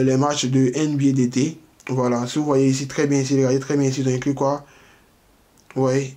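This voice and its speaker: A man with a fairly high voice walks viewers through a betting tutorial on screen. He goes step by step, repeats himself often and keeps checking in with "ok" and "voilà." The delivery is loose and casual, and he speaks straight to the audience. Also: darkish tone. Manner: explains step by step, repeats phrases, frequent "voilà" and "ok"; addresses viewers directly, informal. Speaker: sports betting tipster.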